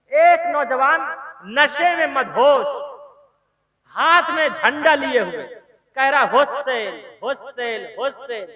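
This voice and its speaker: High-voiced male preacher in an echoey hall. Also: muffled recording. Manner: humorous storytelling with rhetorical questions. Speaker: mufti preacher. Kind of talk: sermon.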